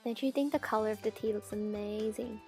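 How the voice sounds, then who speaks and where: A woman's voice: mid-range voice, fairly even intonation, a little fast, loud music behind the voice. A young woman chatting casually in her vlog, bubbly and full of "like". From Australia. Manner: bubbly, chatty, heavy use of "like". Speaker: vlogger and English teacher. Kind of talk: casual vlog chat and voice-over.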